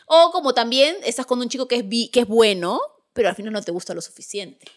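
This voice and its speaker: A woman's voice: on the high side, fast talker. A young woman, co-hosting a casual chat, playful and jokey and often cutting in. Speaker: co-host.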